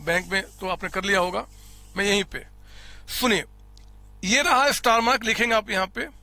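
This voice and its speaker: High bright-voiced male accounting teacher. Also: normal speed, no echo. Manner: explains step by step, repeats numbers aloud, addresses students as children. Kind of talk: classroom lecture. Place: recording studio. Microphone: close studio mic.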